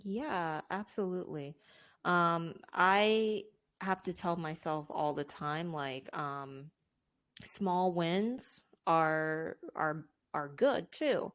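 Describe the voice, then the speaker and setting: A woman's voice: on the low side, extremely slow, a bit bright. A young woman hosting a podcast interview, chatty and casual, with lots of fillers. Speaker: podcast host.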